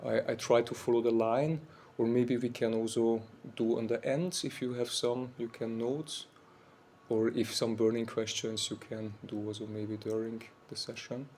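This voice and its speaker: In a university lecture room, an Austrian monk in his forties gives an informal talk in English with an Austrian German accent. His slightly weak voice is medium-pitched, flat and darkish, and he speaks haltingly, searching for words and often saying "like." A little hiss or hum is audible.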